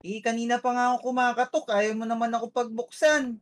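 A woman's voice: fairly high pitch, steady tone, brisk, close to an everyday voice. A woman voicing a suspicious, bumbling male police officer in a game role-play, questioning in a nagging way.

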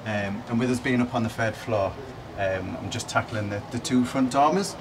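A man renovating old windows, explaining his work to camera in a relaxed, hesitant way with lots of ums. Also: medium pitch, normal speed, noisy background. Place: top-floor room of a château.

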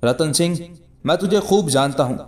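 A man voicing a calm, mocking ascetic holy man in a read-aloud historical story, with measured, scornful delivery. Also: a little high, natural voice. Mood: defiant.

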